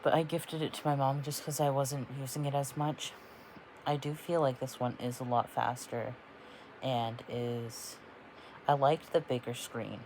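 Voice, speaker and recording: A young man of about twenty talks casually through a bookish vlog, wandering through his thoughts with frequent ums and restarts. His voice sits at an ordinary middle pitch for a man. A faint background noise runs under the recording. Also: flat delivery, a little slow, darkish tone, low-quality recording. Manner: chatty, rambling with many ums. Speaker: book vlogger.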